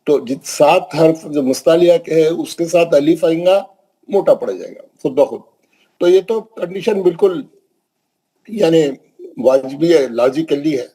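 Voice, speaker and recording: A man teaching Quran recitation rules, asking questions and answering them, with slow drawn-out recited examples. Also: a little high, mellow, slightly rough, rough recording. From Hyderabad, India. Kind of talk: classroom tajweed lesson.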